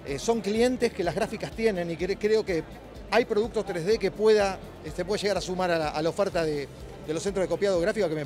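A middle-aged man with a Rioplatense accent and a rather high voice talks into a handheld mic at a crowded expo. He explains at length, full of "eh" hesitations and restarts. Faint music plays in the background. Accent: Rioplatense Spanish. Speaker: company director. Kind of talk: trade-show interview. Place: busy indoor expo hall. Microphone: handheld mic held by interviewer.

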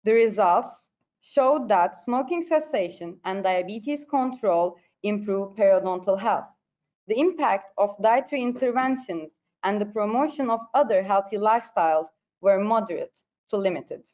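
The periodontology postgraduate, a woman from Turkey, has a medium-pitched, darkish voice and speaks at a moderate pace with a Turkish accent. She delivers her formal academic presentation as a careful reading. Her online recording is dull and lo-fi.

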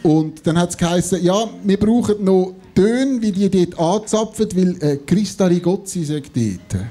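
A man in his thirties with a high voice and a Swiss German accent tells a comic anecdote live on stage. He is an animated storyteller who acts out both sides of conversations, speaking close into the microphone. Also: normal speed. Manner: animated storytelling, acting out dialogue. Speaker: comedy show panellist. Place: on stage in a theatre before an audience. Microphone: handheld or stand microphone held close.

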